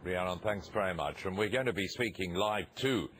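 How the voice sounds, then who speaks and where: A man with a British accent reading broadcast news as an anchor in a measured, formal manner. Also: low-pitched, fairly bright tone, a little hiss or hum.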